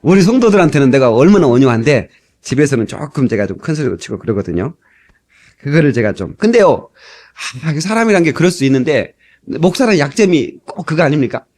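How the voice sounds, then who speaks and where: A man's voice: on the high side, brisk. A middle-aged man preaching a storytelling sermon, acting out the people he quotes, from an old cassette tape. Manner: animated, acts out quoted people. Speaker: pastor.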